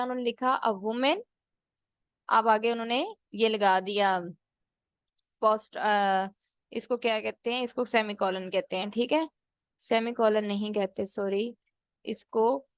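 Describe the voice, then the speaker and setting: A woman's voice: fairly high pitch, smooth, dry recording. A woman teaching punctuation in an online lecture, mixing terms into her explanation and checking in with "theek hai". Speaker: English teacher.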